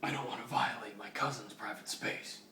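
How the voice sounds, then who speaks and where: A man voicing a gruff male vigilante hero who blurts out curses, read in a roomy room from a distant mic. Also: lowish voice, steady tone, moderate pace, noisy background, pitched below the performer's own voice, natural voice. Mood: resigned. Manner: blurting, cursing bluntly.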